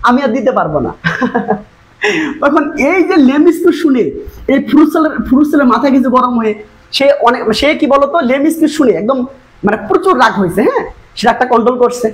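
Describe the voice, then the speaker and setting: Fast-talking, high-voiced woman tutor. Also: animated, rough recording. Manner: fast, coaxing, repeatedly urging students to look. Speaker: English tutor. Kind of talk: online exam-prep lesson.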